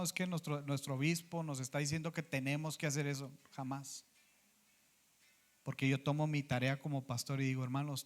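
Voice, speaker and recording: A man preaching a sermon as pastor, earnest, often acting out what people said to him. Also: fairly high pitch. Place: church sanctuary.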